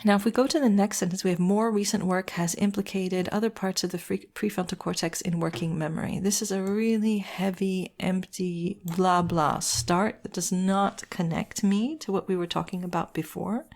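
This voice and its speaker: A woman's voice: lowish voice, fairly even intonation, moderate pace, hardly any pauses, a little mellow. A woman teacher walks through editing a text step by step, asking questions aloud and answering them herself. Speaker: writing teacher. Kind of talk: walkthrough editing lesson.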